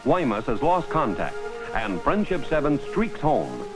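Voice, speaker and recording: Guy narrating old space documentary, dramatic, lively pitch swings, music behind. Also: a little slow. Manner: dramatic, solemn, ornate phrasing. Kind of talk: 1960s scripted documentary narration. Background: loud music.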